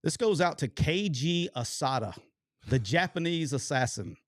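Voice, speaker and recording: A man, telling a long, animated and profane story as a podcast co-host. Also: fairly high pitch, moderate pace, no room sound, clean studio sound. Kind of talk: casual storytelling chat.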